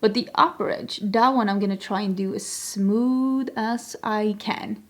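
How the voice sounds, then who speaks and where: A young Swedish beauty vlogger, whose first language is Swedish, chats casually and self-deprecatingly while doing her makeup on camera in a makeup tutorial. Her voice is mid-range and unhurried.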